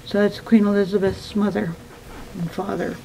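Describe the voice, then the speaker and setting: A woman giving an informal museum tour as guide, calm and explanatory, pausing to find her words. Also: mid-range voice, creaky. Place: inside a small museum. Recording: noisy on-location recording, varying distance from mic.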